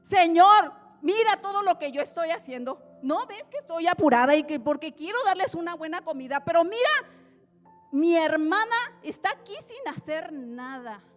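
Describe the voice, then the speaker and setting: A woman's voice: very high voice, lively intonation, moderate pace, pitched above the performer's own voice. A woman voicing a harried woman who complains while she serves, in an exasperated, whiny tone. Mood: complaining. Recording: echoey church hall, soft music.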